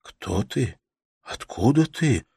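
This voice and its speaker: A man's voice: mid-range voice, sing-song, slow pace, creaky, warm tone, slightly rough, dry recording, clean studio sound, pitched above the performer's own voice, heavily acted. A man reading a feverish, faint young man. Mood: dazed. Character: feverish, weak young man, dazed and smitten.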